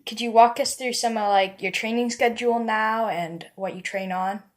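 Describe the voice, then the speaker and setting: A woman's voice: fairly high pitch, fairly even intonation, normal speed. A woman, asking questions as an interviewer in a casual chat.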